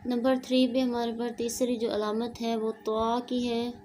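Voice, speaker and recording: A woman teaching an online Quran lesson, explaining step by step in a steady teaching manner and slipping in English words. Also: on the high side, soft background music.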